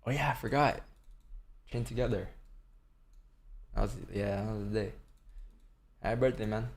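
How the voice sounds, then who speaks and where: Speaking in a lowish voice at a moderate pace, a day trader in his twenties hangs out casually on a livestream, answering questions from chat. His manner is laid-back, with swearing here and there.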